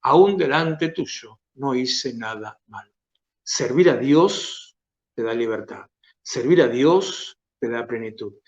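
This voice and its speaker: A pastor with an Argentine Spanish accent preaching a sermon, stretching key phrases for emphasis and then dropping to soft, low asides. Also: male voice, animated, slow pace, roomy sound, highs cut off.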